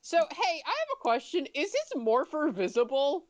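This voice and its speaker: High, animated woman playing a tabletop game. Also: normal speed. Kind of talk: casual banter.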